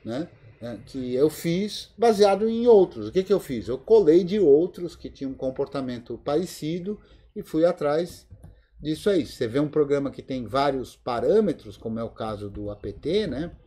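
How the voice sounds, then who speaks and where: A man's voice: a little high, animated, normal speed, mellow, breathy edge. A man with a Brazilian Portuguese accent teaching a live Linux lab over a video call, thinking aloud with many fillers. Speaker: Linux course instructor. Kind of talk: live screen-share tutorial. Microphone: video call mic.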